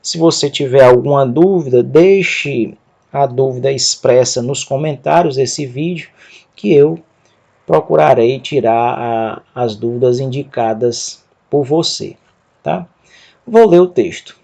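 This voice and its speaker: A man teaching a Greek reading lesson, sounding out words slowly and repeating them syllable by syllable, with a Brazilian Portuguese accent. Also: mid-range voice, creaky, darkish tone. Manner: drawn-out, syllable-by-syllable pronunciation drills. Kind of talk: slow, careful reading lesson.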